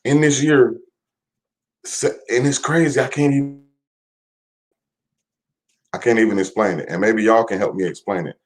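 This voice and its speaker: A man's voice: on the low side, moderate pace, long pauses. A young man casually chatting on a livestream, greeting viewers by name and rambling with loose, repetitive talk and the odd curse. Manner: loose, rambling, swears, repeats himself with "man". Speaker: livestream host.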